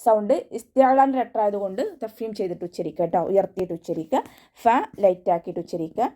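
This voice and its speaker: A woman teaching tajweed in an online class, giving patient step-by-step pronunciation instructions and then reciting each verse slowly, in a higher voice. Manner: patient, step-by-step instruction, often ending with a soft "tto".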